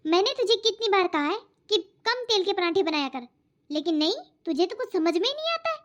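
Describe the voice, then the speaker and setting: A harsh, nagging cartoon mother-in-law, voiced by a woman, scolding and taunting in a very high voice. The audio is dull and lo-fi. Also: very animated, fairly quick, a bit bright, full character voice. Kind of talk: cartoon voice acting.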